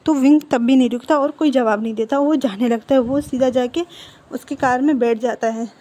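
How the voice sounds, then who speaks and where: A woman's voice: high-pitched, a little fast, dark tone. A woman casually retelling a fan-fiction story in a conversational way, with repeats and restarts.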